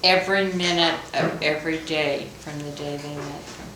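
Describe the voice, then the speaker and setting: A woman's voice: deep voice, steady tone, normal speed. An older woman, a grandmother, telling family stories in a chatty, emotional way during a casual chat at home. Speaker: grandmother being interviewed. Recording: roomy home recording with loud noise.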